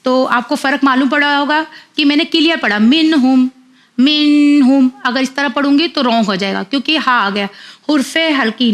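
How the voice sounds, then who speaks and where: A woman teaching Quran reading to children, spelling out syllables one by one, repeating them and correcting common mistakes. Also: fairly high pitch. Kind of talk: slow spelled-out recitation lesson.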